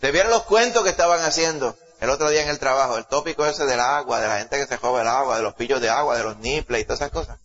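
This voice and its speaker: A man with a Puerto Rican accent preaching a sermon to a congregation, emphatic, rising to loud exclamations and dropping low, often asking his listeners questions. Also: fast, hardly any pauses. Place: church service before a congregation. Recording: dull lo-fi recording.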